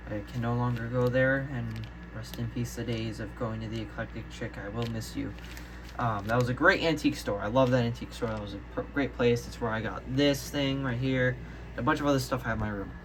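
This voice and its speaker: A young adult man with a medium-pitched voice, a hobbyist video maker, does a casual, unscripted show-and-tell, rambling and getting easily sidetracked. It's an amateur home video with a rough recording and noticeable background noise.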